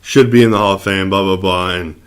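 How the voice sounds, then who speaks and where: A man with a fairly low voice co-hosts a wrestling podcast. He talks in a laid-back, opinionated way and often trails off and starts his sentences again. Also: steady tone, a little fast, fairly bright tone, clear, resonant tone. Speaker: podcast co-host. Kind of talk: casual wrestling talk.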